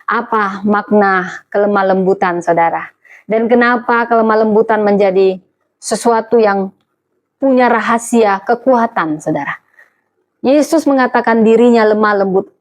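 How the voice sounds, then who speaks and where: A middle-aged woman pastor with a Batak Indonesian accent preaching a sermon, forceful and animated, acting out little voices with playful asides. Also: mid-range voice.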